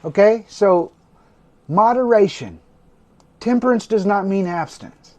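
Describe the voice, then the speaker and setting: A man hosting a livestream, talking slowly and soothingly as he guides a meditation and gives instructions. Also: high-pitched, animated, warm tone. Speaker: host of a livestream. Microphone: phone or computer mic for a livestream.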